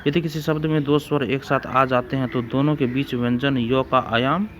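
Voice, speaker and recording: A man's voice: mid-range voice, fairly even intonation, normal speed, fairly bright tone, a little hiss or hum. A man teaching an exam-prep grammar lesson, repeating rules and examples and calling his listeners friends.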